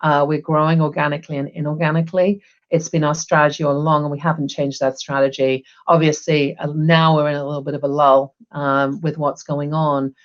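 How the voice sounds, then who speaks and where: Speaking briskly with few pauses and little pitch movement, this deep-voiced middle-aged Englishwoman is heard through a muffled recording. An HR executive, she is an upbeat interview guest on a video call from home, keeping the talk casual and full of ums.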